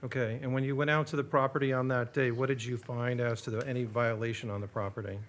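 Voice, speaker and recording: A man's voice: mid-range voice, flat delivery, quick pace, fairly bright tone, a little hiss or hum. An American man speaking as a city attorney, explaining procedure and questioning in plain, fairly informal words. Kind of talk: legal explanation and witness questioning. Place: public hearing room.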